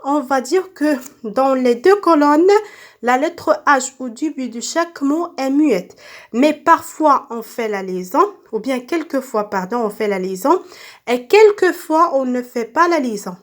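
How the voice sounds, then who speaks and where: A woman teaching a recorded grammar lesson, repeating each word slowly and often checking with her listeners. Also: high voice, expressive. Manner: slow, repeats words and checks with "d'accord?". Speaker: French teacher. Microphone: phone.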